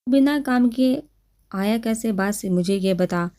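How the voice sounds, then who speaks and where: A woman's voice: medium pitch, mellow, no echo, studio quality, natural voice. A woman voicing a hot-tempered young man who barks harsh commands in an audio novel. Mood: furious.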